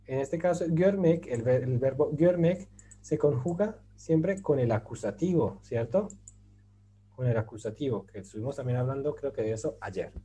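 A man's voice: medium pitch, warm tone, a little hiss or hum. A man teaching a Turkish grammar lesson in an online group class, explaining step by step and often checking with "right?". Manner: patient, explains step by step, often asks "¿cierto?".

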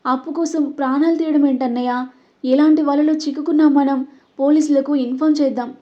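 A woman's voice: high-pitched, steady tone, fairly quick, highs cut off, natural voice. A woman voicing a shocked, tearful young woman pleading to save her brother. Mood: distraught.

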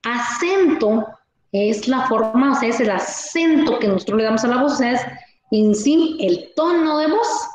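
Slow teacher woman in an echoey room. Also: on the high side, animated, a little mellow. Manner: slow, explaining, asks pupils questions. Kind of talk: online class teaching. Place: video call. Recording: very echoey room with faint noise.

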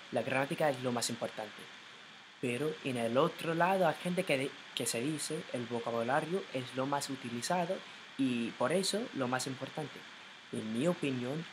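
Young guy, english is his first language, talking into his laptop at home, lots of stops and restarts, mid pitch, a little hiss in the background. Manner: hesitant, stumbling restarts and self-corrections. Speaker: vlogger. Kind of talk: casual learner's vlog in Spanish.

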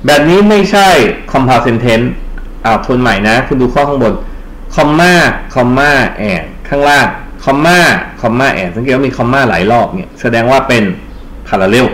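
A man's voice: mid-range voice, a bit bright, echoey room. A Thai man tutoring English grammar for exams in a Thai accent, explaining step by step and quizzing the class. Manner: explains step by step, asks the class questions and answers them himself. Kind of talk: exam-prep lecture.

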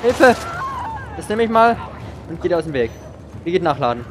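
With game gunfire and noise underneath, a high-voiced male let's play streamer keeps up a sarcastic running monologue to himself. He's very animated and speaks at a quick pace.

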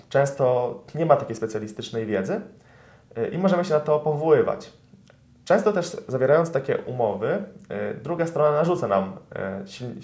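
A man's voice: medium pitch, darkish tone. Young man explaining law. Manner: explanatory, many fillers, addresses viewers politely. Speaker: lawyer. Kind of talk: interview answers, explaining law.

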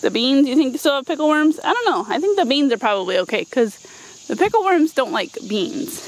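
Showing off her home garden for a vlog, this thirtysomething woman chats playfully and informally among the backyard vegetable beds. She pitches high with big swings in her intonation and speaks fairly quickly. The rough recording comes from a handheld camera microphone outside, with plenty of ambient noise.

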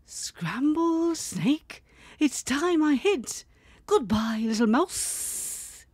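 A woman voicing a slinking male snake with a whispery, drawn-out voice. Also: sits high, big pitch swings, darkish tone, no room sound, pitched above the performer's own voice, full character voice. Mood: sly.

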